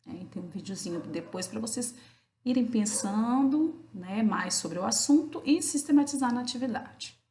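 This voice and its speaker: A woman teaching a recorded lesson for children, patiently asking and answering her own questions and spelling out syllables slowly. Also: on the high side, expressive, dark tone, a little hiss or hum. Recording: roomy echo.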